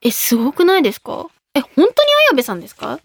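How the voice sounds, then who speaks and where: A young woman hosting a casual radio show, giggly and excitable as she reads listener emails. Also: high-pitched, quick pace, gravelly, husky. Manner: giggly, excitable, playful self-mockery. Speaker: radio host.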